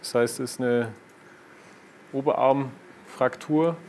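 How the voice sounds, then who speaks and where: A man in his thirties, a trauma surgeon in a hospital ward, calmly explaining findings and treatment to patients and camera. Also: mid-range voice, takes it slowly, slight background noise. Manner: calm, matter-of-fact, reassuring.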